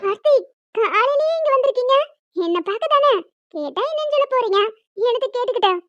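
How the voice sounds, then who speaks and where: In this cartoon, a naive and timid young college girl, played by a woman speaks in a very high, piping voice. She stammers and pleads her way through her lines. The recording is dry and dull, with a lo-fi sound. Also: animated, fast talker, dry recording, soft background music. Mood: puzzled. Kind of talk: animated story dialogue.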